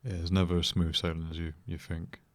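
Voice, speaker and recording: A young British man chatting as a podcast guest, dry and joking in a deadpan way. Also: low voice, fast talker, no room sound. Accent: British English. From Britain. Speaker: podcast guest, creative director. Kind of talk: casual chat.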